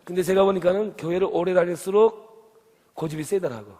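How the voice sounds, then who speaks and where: A Korean pastor from the Gyeongsang region, with its accent, preaches briskly in a high, mellow voice. He questions the congregation and urges them to reply, and the sound carries a long hall reverb.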